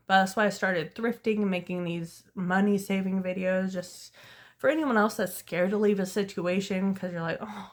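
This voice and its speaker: Tired young woman vlogging casually. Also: mid-range voice. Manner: candid, rambling, self-deprecating. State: tired, voice going hoarse. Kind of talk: casual storytime to camera.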